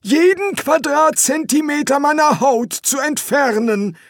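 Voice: high voice, lively intonation, a little slow, dry recording, studio quality, voice pushed up. A reader voicing a mild-mannered older male prisoner in an audiobook, polite and pleading. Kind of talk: audiobook character voice.

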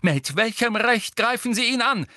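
A man voicing a stern older woman professor who shouts in shrill outrage in an audiobook reading. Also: expressive, moderate pace, no room sound, studio quality, exaggerated voice. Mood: outraged.

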